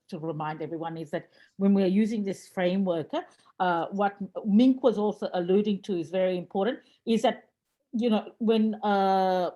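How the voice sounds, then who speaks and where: A woman facilitating a workshop on a video call, talking briskly with hesitant fillers. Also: mid-range voice, dark tone. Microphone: laptop webcam on a video call.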